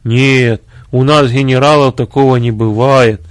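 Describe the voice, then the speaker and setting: A man's voice: medium pitch, steady tone, moderate pace, no room sound, lightly acted. A man voicing a blunt, self-assured middle-aged army general.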